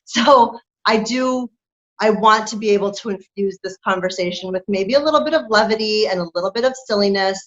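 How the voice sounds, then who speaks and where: A woman's voice: medium pitch, brisk. A woman lactation consultant talking candidly and with animation in an interview, laughing through her points. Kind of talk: conversational interview. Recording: dull lo-fi sound.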